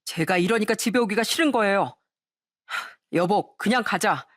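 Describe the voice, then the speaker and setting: A woman's voice: mid-range voice, normal speed, no echo, clean studio sound, lightly acted. A woman doing a fed-up, curt young husband. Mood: exasperated. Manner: curt, exasperated.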